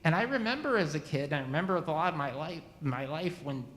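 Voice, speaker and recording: A man in his forties asking a new minister questions at a church meeting, halting and often restarting his sentences. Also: on the high side, expressive, a bit bright, echoey room, in a large hall. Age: 40s.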